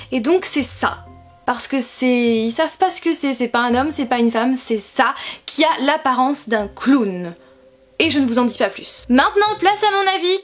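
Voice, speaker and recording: High-voiced woman, nasal from a sore throat. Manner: emphatic, repeats words for stress. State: sore throat from tonsillitis, slightly nasal, congested voice. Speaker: film review vlogger. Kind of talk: upbeat scripted-like video review, chatty.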